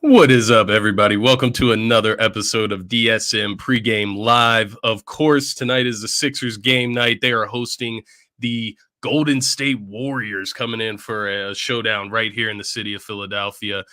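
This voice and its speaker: A man's voice: on the low side, steady tone, normal speed, pushed and bright, dry recording. Congested man hosting a pregame sports show. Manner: chatty, often tags lines with "right?". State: congested from illness. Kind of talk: casual pregame sports talk. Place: at home.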